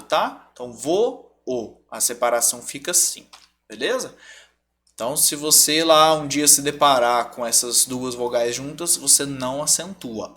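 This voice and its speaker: A male teacher speaks with a Brazilian Portuguese accent. He explains a grammar point in a recorded lesson, stops often to ask "tá?" or "beleza?", and says each example word slowly and clearly. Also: on the high side, a bit bright.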